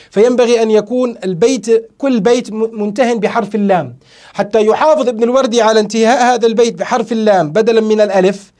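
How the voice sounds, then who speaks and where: A man, fast high-voiced sheikh lecturing. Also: a little mellow. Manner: slows and stretches words to stress verse lines, repeats key phrases. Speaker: sheikh teaching a classical poem. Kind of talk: explanatory lecture on grammar and verse.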